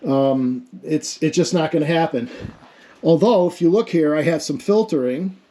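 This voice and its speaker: Showing off a homemade setup, a hobbyist amateur radio experimenter talks through the technical details informally, musing aloud with casual self-deprecation. He speaks at a moderate pace in a slightly high voice with a dark tone.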